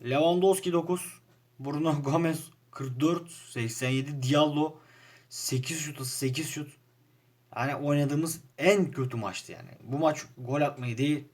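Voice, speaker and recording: A young man with a Turkish accent giving casual commentary over a football manager game, frustrated and grumbling, jumping from loud outbursts to low muttering. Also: a little slow. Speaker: gaming YouTuber playing a football manager game.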